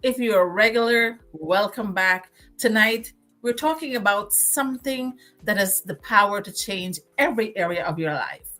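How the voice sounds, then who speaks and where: A woman's voice: mid-range voice, normal speed, few pauses, sharp tone, faint music behind. Guyanese woman hosting a motivational livestream. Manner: preachy, repeats phrases for emphasis. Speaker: livestream host.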